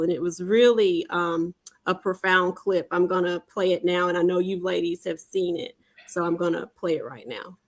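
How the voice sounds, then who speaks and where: A woman's voice: fairly low pitch, fairly bright tone. A woman podcast co-host casually setting up a clip, with some fillers. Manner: conversational, with fillers.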